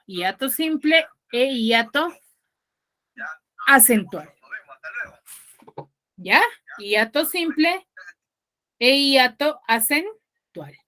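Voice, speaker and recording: Bright, higher-voiced woman teacher, patient step-by-step explainer, video-call lesson. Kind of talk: online class lecture.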